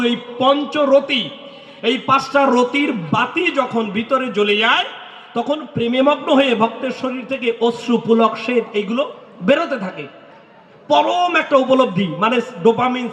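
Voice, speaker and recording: Man, devotional lecturer, very high voice, bright tone, echoey hall with long reverb. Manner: explains patiently, recites mantras in rhythmic runs. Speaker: religious speaker. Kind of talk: devotional lecture answering audience questions.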